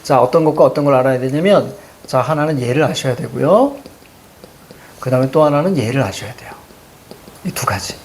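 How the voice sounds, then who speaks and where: A man teaching a Korean grammar lesson, peppering his explanation with quick questions to the class. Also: mid-range voice, a little hiss or hum. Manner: lively, rhetorical questions to students, frequent "자".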